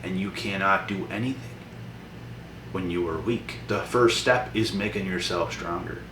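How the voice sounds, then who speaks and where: A man's voice: low-pitched, normal speed. A young man giving a blunt, preachy motivational monologue to camera. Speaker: motivational vlogger. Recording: echoey room from a distance with noise.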